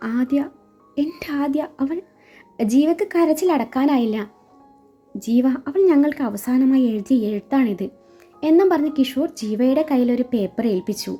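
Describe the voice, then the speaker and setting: A woman's voice: fairly high pitch, warm tone. A woman storyteller narrating a dramatic story in an emotional, sorrowful way. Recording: dull lo-fi with faint music.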